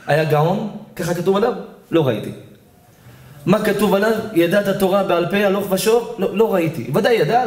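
Animated rabbi preaching in an echoey hall. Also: male voice, extremely high pitch. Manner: animated, keeps asking the audience questions and calling on listeners by name. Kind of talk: sermon. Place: lecture hall at a community evening.

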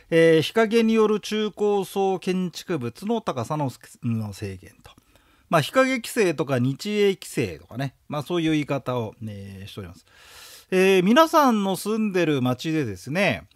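Lively joking man lecturing, dry sound. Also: fairly high pitch, no room sound. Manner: casual, joking, drills rhythmic chants. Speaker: exam prep lecturer. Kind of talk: recorded audio lecture.

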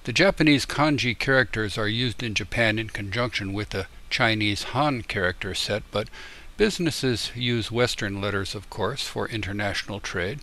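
An older man from the United States reading a letter aloud in a deliberate, explanatory way. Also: fairly low pitch, bright, forceful tone. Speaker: tutor and YouTuber.

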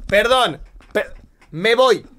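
A man with an Argentine accent hosting comedic reaction commentary in an energetic, theatrical way with exaggerated outbursts. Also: high-pitched, slow, noisy background. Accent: Argentine Spanish. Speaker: YouTuber host.

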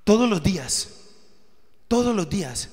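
A man's voice: high voice, big pitch swings, a little slow, a little mellow. A man preaching a sermon, telling his own story with earnest testimony that rises to emotional emphasis. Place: church hall. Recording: live church hall with long reverb.

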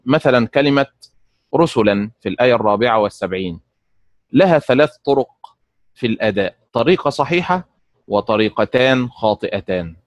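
A man teaching the stress patterns of Quranic recitation, speaking in a measured, deliberate way and repeating each pattern slowly. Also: medium pitch, no room sound, lo-fi sound. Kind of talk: scripted lesson with slow demonstrations.

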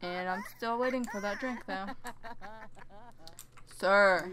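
A woman's voice: mid-range voice, fairly quick, crowd noise. Chatty young woman playing a game. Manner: chatty, teasing, laughs often. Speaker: gamer. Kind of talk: let's play commentary.

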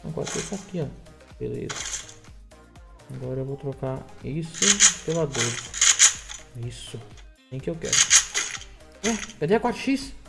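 A young man with a Brazilian accent giving excitable gameplay commentary as a channel host, dropping to mutters and then yelling when hyped. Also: a little high, moderate pace, vocal fry, long pauses, over loud music.

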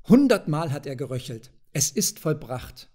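A man voicing a gloomy, proud storybook doctor. He speaks in hesitant, broken phrases, unsure of himself. His voice lies slightly high. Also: big pitch swings, moderate pace, dark tone. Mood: unsettled.

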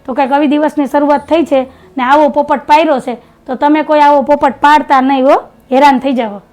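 A middle-aged woman talks casually for her home vlog. Her voice sits high, and she teases and hands out homespun advice. She rattles on in an easy, chatty way. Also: fairly even intonation, a little fast, darkish tone. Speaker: family vlogger.

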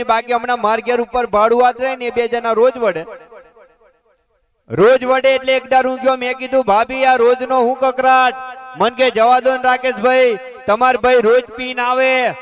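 High-voiced Gujarati man telling stage jokes. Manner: folksy storytelling, voicing others in dialogue. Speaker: comedian and stage host. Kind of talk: live stand-up joke telling.

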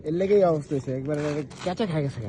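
Excitable young man on a night ride. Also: on the high side, racing, a crowd in the background. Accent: Old Dhaka Bangla. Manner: excited, exclaiming, chatty with friends. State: cold and worn out. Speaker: motovlogger. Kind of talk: casual night-ride vlog chatter. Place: city road at night, on a motorbike. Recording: noisy outdoor street recording. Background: traffic and street noise.

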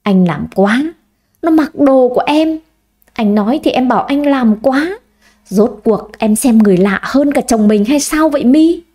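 A woman's voice: sits high, animated, measured pace, dark tone. Woman doing a curt, hot-tempered husband. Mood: angry. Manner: curt, scolding.

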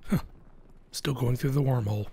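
Gravelly-voiced male gamer joking along. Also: medium pitch, normal speed, heavy background noise. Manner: wry, joking asides. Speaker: gamer commentator. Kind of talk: casual gameplay commentary.

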